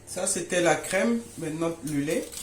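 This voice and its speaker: A woman's voice: lowish voice, lively intonation, normal speed. A woman hosting a casual home baking tutorial, chatting to viewers like friends and checking that they follow along. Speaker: home baking video host. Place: indoors in a home kitchen. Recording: echoey room with faint noise.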